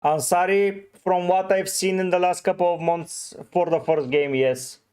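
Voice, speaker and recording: A man's voice: sits high, steady tone, normal speed, darkish tone, smooth. A man from Bulgaria, hosting a casual livestream and giving short, offhand answers to viewers' chat messages. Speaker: fantasy football streamer.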